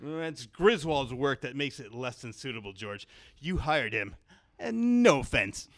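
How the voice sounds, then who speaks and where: Man playing a prickly, animated poet. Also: mid-range voice, measured pace. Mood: insistent. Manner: theatrical, sarcastic. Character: prickly, vain male poet Edgar Allan Poe, haggling and sniping. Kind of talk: comedic radio play acting.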